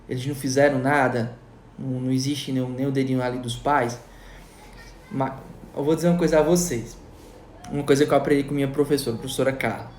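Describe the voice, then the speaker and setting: A man's voice: medium pitch, slight background noise. A man giving a live online talk on psychology, emphatic and full of rhetorical questions, tagging his sentences with a questioning "right?". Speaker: psychology educator. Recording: roomy echo.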